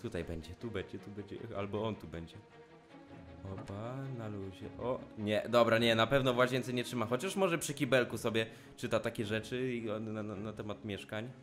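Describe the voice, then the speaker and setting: A young man casually commenting on a video game as he plays, cracking jokes, swearing often and shouting at the screen when things get tense. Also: fairly low pitch, normal speed, faint music behind. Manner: jokey, swears a lot, yells at the screen in tense moments. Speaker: let's play gamer. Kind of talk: casual let's play commentary.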